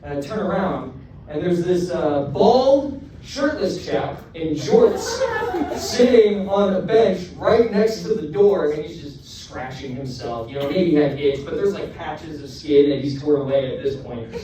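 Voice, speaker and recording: A young man telling an animated, self-mocking stand-up story with plenty of swearing, hosting the show. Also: a little high, a little slow. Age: young adult. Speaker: comedian and show host. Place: performance hall with a live audience. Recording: echoey room from far off, crowd.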